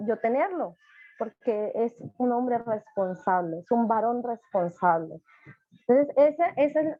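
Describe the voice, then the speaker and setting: A woman's voice: high voice, no room sound. A woman speaking from her living room as a church tutor, giving a fervent personal testimony and repeating phrases for emphasis. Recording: dull, dry home recording.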